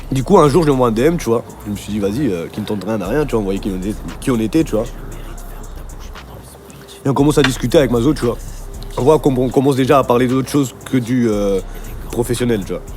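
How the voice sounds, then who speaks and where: An Argentine-born man who moved to France at thirteen, now a music video director, tells his story in an interview using slangy, informal speech dotted with conversational tags. His voice is medium-pitched and mellow.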